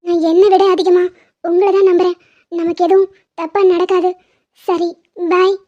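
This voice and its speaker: Cartoon lead: a woman doing a pleading, tearful college girl, very high, mellow tone, dull lo-fi sound. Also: flat delivery, normal speed. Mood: reassured. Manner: pleading, emotional. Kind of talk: cartoon drama dubbing. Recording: dull lo-fi audio.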